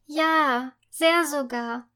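A woman's voice: high voice, drawn-out words, pushed and bright, full character voice. A woman voicing a young girl princess in a storybook, eager and dreamy.

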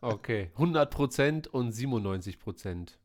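A man's voice: mid-range voice, expressive, moderate pace. A man co-hosting a film podcast, chatting casually with dry, teasing remarks. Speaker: podcast co-host. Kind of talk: casual chat.

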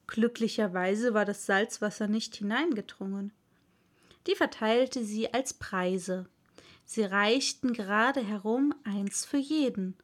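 A woman narrating a children's storybook in a calm, clearly articulated reading. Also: mid-range voice, takes it slowly. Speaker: audiobook reader.

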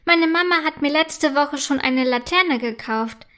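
A woman's voice: high voice, measured pace, a bit bright. A woman voicing a teasing, giggly little girl in a children's story. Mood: chatty.

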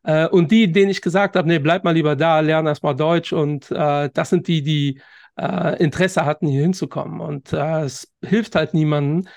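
A man's voice: a little high, steady tone, moderate pace, vocal fry, a little mellow, dry recording. Hesitant Cologne man, dry sound. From Germany. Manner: hesitant, many fillers. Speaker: podcast host. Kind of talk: podcast interview.

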